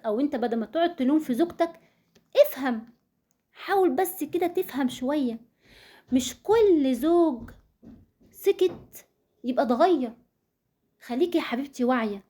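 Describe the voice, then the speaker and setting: A woman's voice: high voice, warm tone. A woman with an Egyptian Arabic accent giving earnest marriage advice, speaking straight to her listeners and repeating words for emphasis. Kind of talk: advice talk to viewers.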